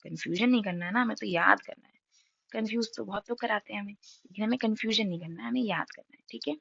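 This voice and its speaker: A woman's voice: medium pitch, fast, gravelly, fairly bright tone, husky, no echo, highs cut off. A young woman teacher with a sore throat, running an exam-prep map lesson, quizzing her students and answering in their voice, checking in often. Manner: repeats key facts with frequent "ठीक है?".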